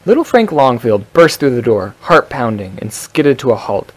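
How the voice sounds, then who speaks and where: A man's voice: medium pitch, big pitch swings, normal speed. A man reading a story aloud on a cheap microphone without a pop filter in an untreated echoey room, stumbling over words and breaking off for playful asides. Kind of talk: reading a story aloud in an old test recording.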